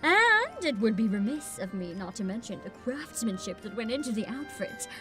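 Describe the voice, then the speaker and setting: A woman's voice: a little high, big pitch swings, normal speed, pushed and bright, soft background music, pitched below the performer's own voice. A woman voicing a proud female delegation leader from a fantasy game, theatrical and effusive, with old-fashioned formal wording. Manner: theatrical, effusive, archaic phrasing. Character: grand, proud female festival leader presenting her mascot.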